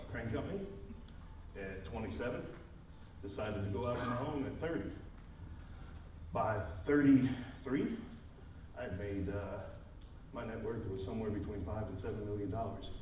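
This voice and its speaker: A man in his thirties telling his life story to a live audience in a casual, self-deprecating way with many fillers, a little out of breath. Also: on the low side. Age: 30s. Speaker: speaker at a business event. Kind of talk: personal testimony talk to a live audience. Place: large event hall with a live audience. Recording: echoey hall, mic far off, crowd noise.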